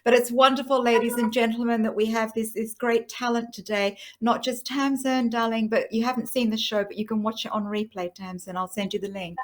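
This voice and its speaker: A woman's voice: a little high, fairly even intonation, a little fast, few pauses. A woman hosting a live awards presentation, effusive and affectionate toward the winners. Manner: effusive, calls people "my girl" and "darling". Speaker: host announcing winners.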